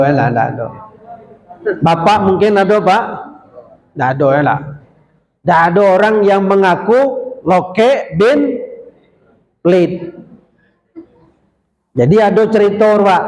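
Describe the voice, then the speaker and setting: Male preacher, storytelling, slow and high. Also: darkish tone. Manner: storytelling, addresses the audience directly. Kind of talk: short Ramadan sermon. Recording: long hall reverb.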